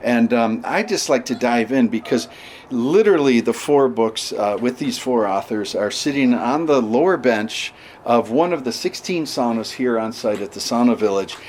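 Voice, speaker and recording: A man's voice: mid-range voice, animated, normal speed, darkish tone, a little hiss or hum. A man hosting a podcast interview inside a sauna, asking rambling questions full of fillers. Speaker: podcast host. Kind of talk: casual interview chat. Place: inside a sauna at an outdoor festival.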